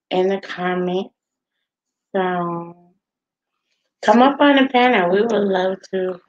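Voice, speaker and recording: A woman co-hosting a live chat stream, talking casually with drawn-out fillers. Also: medium pitch. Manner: chatty, drawn-out, with many fillers. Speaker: co-host of a live couple's channel. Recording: dull lo-fi live-stream audio.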